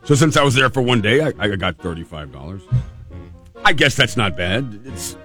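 A man's voice: on the low side, very animated, moderate pace, pushed and bright, faint music behind. A man hosting radio, telling a casual, humorous personal story in a rambling way, repeating phrases for emphasis. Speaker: radio host.

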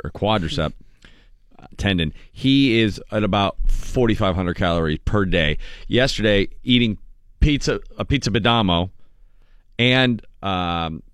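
A man with an American accent and a fairly low voice hosts a morning radio show. He chats casually and banters with his co-hosts in a dry, close studio sound. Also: fairly bright tone, clean tone, dry recording.

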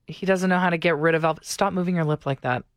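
A playful woman co-hosts a morning radio show, trading casual banter with her partner and breaking into quick character impressions. Her voice is captured dry and close, with no room sound around it. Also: lowish voice, fairly even intonation, no room sound. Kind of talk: casual chat.

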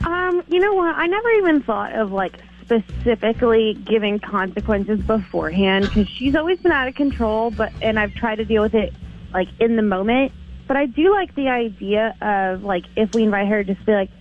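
A woman's voice: fairly high pitch, animated, moderate pace. A woman calling in to a radio show, candid and thoughtful about family trouble. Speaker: caller. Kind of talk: phone-in call. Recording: dull call-in line.

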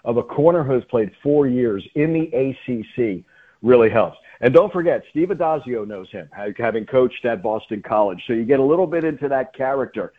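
Over a muffled line that sounds like a phone call on radio, a man breaks down the game as a play-by-play commentator. He speaks briskly at medium pitch with lively intonation, stressing points hard, repeating words and throwing out rhetorical questions.

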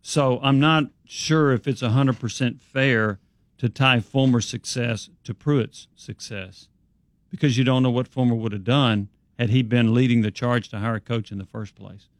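A man's voice: medium pitch, steady tone, normal speed, no echo. A man hosting a sports talk radio show and fielding calls from listeners.

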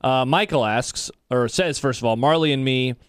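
A man co-hosting a casual sports podcast, animated as he reads listener messages. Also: mid-range voice, moderate pace, clean tone, no room sound, clean studio sound. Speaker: podcast co-host.

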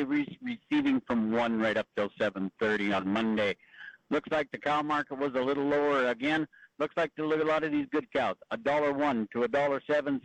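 Male livestock reporter, folksy colloquial delivery, mid pitch, dry recording. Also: no echo, rough recording. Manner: plain-spoken, colloquial. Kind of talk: folksy radio market report.

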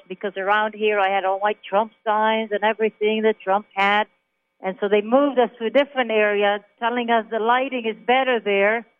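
Woman from Israel, radio call-in guest, emphatic chatty storyteller, tinny phone-line sound. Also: medium pitch. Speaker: caller. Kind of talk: phone interview on talk radio.

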